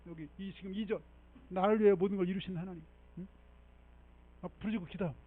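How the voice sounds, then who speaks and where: A man preaching a sermon as pastor, animated and emphatic, often checking in with the congregation and leading them in reading scripture. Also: sits high, fast talker, narrow, tinny audio. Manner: animated preaching with frequent rhetorical 'eung?' checks. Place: church sanctuary.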